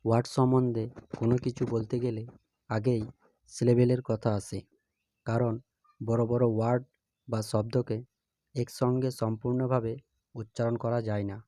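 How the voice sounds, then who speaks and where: A man teaching a grammar lesson, explaining slowly and evenly with a measured delivery. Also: medium pitch, level tone, warm tone, no room sound.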